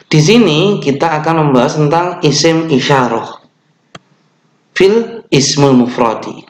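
A young male teacher with an Indonesian accent gives a children's online lesson from a webcam at his desk. He talks slowly and patiently, fixing his own slips as he goes. The small room around him is echoey. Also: a little high, animated. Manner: slow, patient explaining with fillers and self-corrections; chants the opening prayer.

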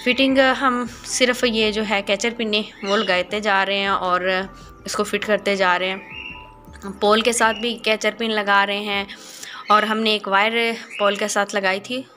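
A woman narrating a voice-over for her garden makeover video, explaining each step calmly with small hesitant pauses. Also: mid-range voice, faint music behind. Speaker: gardening channel host.

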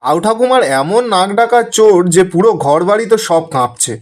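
A man with a high voice narrates a TV serial recap in brisk storytelling. He links each quoted line with a quick "then she says". His delivery stays plain and steady.

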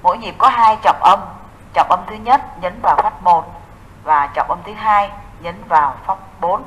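A woman's voice: mid-range voice, moderate pace, a bit bright, low-quality recording. Patient woman teaching. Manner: patient, explains step by step, asks the class questions and answers them. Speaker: music teacher. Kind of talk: recorded music theory lesson for students.

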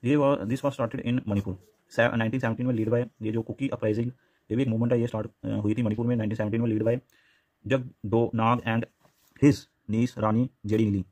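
A man's voice: mid-range voice, fairly even intonation, moderate pace, darkish tone. A man teaching exam-prep quiz answers over handwritten notes, mixing Hindi and English and often restarting and repeating names. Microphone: phone camera over notebook, speaker off screen.

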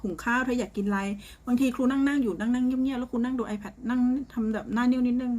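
A woman's voice: a little high, steady tone, quick pace, a little mellow. A woman giving a casual spoken lesson to her students as a psychic teacher, chatty and blunt, often ending phrases with polite particles.

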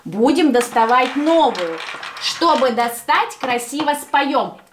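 A young woman with a high, very lively voice coaches a toddler through playful speech exercises. She over-enunciates, stretching sounds and repeating short phrases in a sing-song way. The room is echoey, with noticeable background noise. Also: slow pace. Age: young adult. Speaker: speech therapist teaching a toddler. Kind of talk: playful one-to-one speech exercise with a small child. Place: small furnished children's room, indoors. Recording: roomy echo, clear background noise and clicks.

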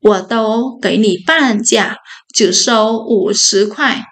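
Slow, careful woman teaching Chinese. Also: medium pitch, fairly bright tone. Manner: reads each Chinese sentence slowly, then translates and explains word by word. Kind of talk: slow read-aloud lesson with Vietnamese explanations.

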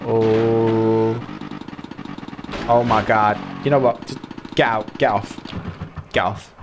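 A man with a Mancunian accent, streaming a game and chatting to his viewers, excitable and dramatic, jumping from squeals to mutters. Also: fairly low pitch, slow, noisy background. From Manchester, England. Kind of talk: casual game streaming chat.

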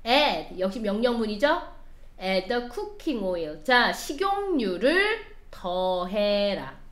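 A woman's voice: medium pitch, big pitch swings, very slow, a bit bright. A woman teaching an English lesson, explaining line by line and quizzing her students as she goes. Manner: explains step by step, quizzes the class. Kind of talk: classroom lecture.

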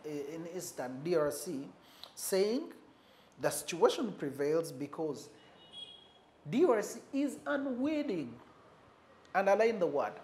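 A man giving unscripted commentary on politics, measured and pausing often, leaning hard on key words. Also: fairly high pitch, darkish tone. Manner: stresses key words for emphasis.

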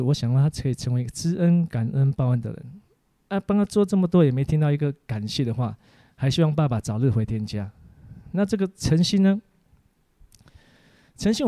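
A man, a preacher giving a teaching sermon for an online course, full of animated stories about his family. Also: a little high, dry recording.

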